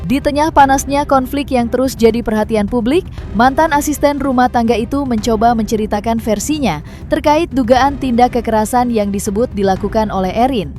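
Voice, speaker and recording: Woman, high voice, scripted news narration, faint music behind. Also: fairly quick, a little mellow.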